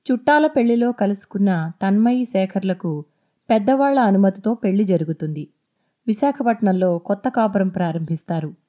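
A woman reading her own serialized novel as an audiobook, in a steady, measured narrating style. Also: mid-range voice. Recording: echoey intro over music.

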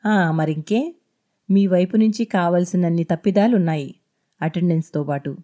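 A friendly young male student makes a light, joking remark to ease a tense moment, read by a woman narrator. The voice is mellow and soft-edged. The delivery stays easygoing. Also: high voice, normal speed, natural voice.

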